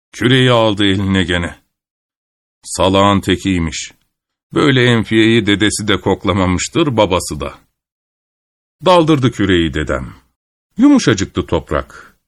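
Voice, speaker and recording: A man narrating a folk tale aloud in a steady storytelling manner. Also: low-pitched, no room sound, clean studio sound.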